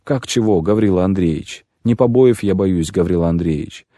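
A man's voice: deep voice, normal speed, dark tone, no room sound, clean studio sound, natural voice. A man voicing a self-pitying grown shoemaker who pleads and laments at length, in an audiobook reading. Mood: lamenting.

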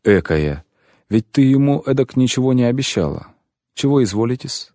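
A man's voice: medium pitch, animated, moderate pace, dark tone, no room sound, clean studio sound, voice pushed up, natural voice. A man voicing an impatient middle-aged butler who scolds and gives orders, in an audiobook reading. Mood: brusque. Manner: brusque, scolding, commanding.

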